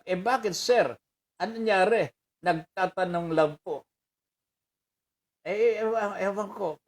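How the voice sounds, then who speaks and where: An older man with a Filipino accent, hosting a commentary show, reading viewer greetings aloud in a chatty way and laughing often. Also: high-pitched. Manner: chatty, laughs often, mixes in English phrases. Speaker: radio commentator host reading viewer messages. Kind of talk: casual on-air commentary.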